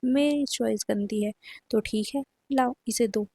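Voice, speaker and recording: A woman's voice: a little high, measured pace, gravelly, warm tone, breathy edge, exaggerated voice. A woman voicing a mischievous young man who teases and banters in an easy, mocking way. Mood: teasing. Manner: teasing, bantering.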